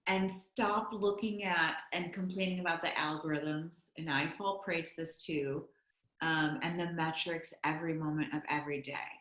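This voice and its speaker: A woman's voice: deep voice, steady tone, moderate pace, a bit bright. A woman guest on a podcast interview, talking candidly and chattily, with lots of likes. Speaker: guest, content creator. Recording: roomy echo.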